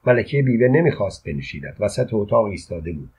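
A man narrating a literary audiobook in a measured, unhurried way, with a husky voice. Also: on the low side, big pitch swings, a little mellow.

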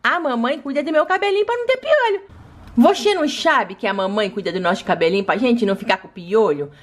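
A woman's voice: fairly high pitch, lively intonation, brisk. A woman voicing a fussy, lecturing doll girl who refuses to share, in a toy play video.

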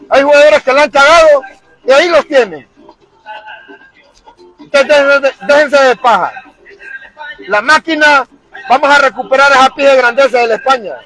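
A man's voice: very high voice, pushed and bright, low-quality recording. A man with a Honduran accent ranting as a football fan vlogger, fired-up and crude, repeating himself. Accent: Honduran Spanish. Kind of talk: angry fan rant to camera.

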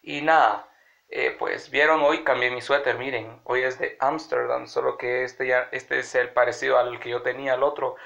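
Sick and congested with a cold, a vlogger in his early twenties rambles chattily to viewers from a small room at home. His medium-pitched voice is flat, creaky and sharp at a moderate pace, captured by a phone camera held at arm's length in dull lo-fi audio.

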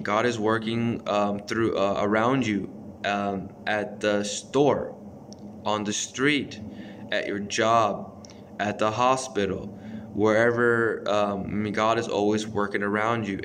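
A man's voice: on the low side, fairly bright tone, a little hiss or hum. A man in his thirties giving an informal sermon to camera from a small bedroom, earnest and exhorting, with many restarts and fillers. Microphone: phone or webcam close up.

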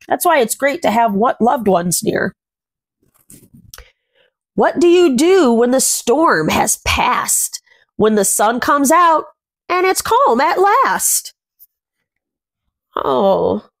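High and sing-song, her voice moves at a slow pace with frequent pauses, and there's no room sound. She's a young woman hosting a read-aloud for small children, reading a picture book expressively from a small room at home while chatting about it.

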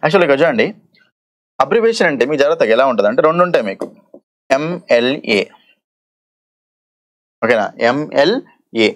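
Lively man teaching exam English. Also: medium pitch. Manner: explains in Telugu mixed with English terms, often asks "okay?"; reads English question text slowly and deliberately. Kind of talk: exam-prep lesson.

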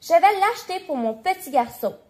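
A woman's voice: extremely high pitch, very animated, moderate pace, a little mellow. A woman voicing a man in a shop who panics and cries out in alarm in a storybook. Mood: admiring. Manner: shrieking in alarm. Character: startled male shopper.

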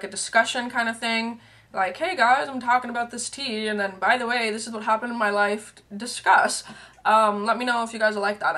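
A young Canadian beauty and tea vlogger chats casually to a webcam held at arm's length in a small room. Her mid-range voice has a fairly bright tone, but it's worn and fading as she rambles with plenty of fillers and asides.

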